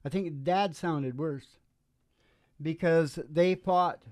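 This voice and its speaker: Speaking slowly in a darkish, somewhat high voice, a middle-aged man who hosts and sings and plays guitar for a music podcast rambles casually and with emphasis, repeating himself and asking "you know." The sound is clean studio quality with no echo, from a close stand mic. He's on a small curtained stage indoors, acoustic guitar playing behind.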